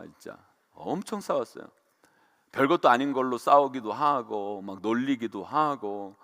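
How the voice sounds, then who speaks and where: A man's voice: mid-range voice, a bit bright. A middle-aged male pastor giving a sermon, often turning to the congregation as he tells a story from his own childhood. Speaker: senior pastor. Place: church sanctuary. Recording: long hall reverb in a church.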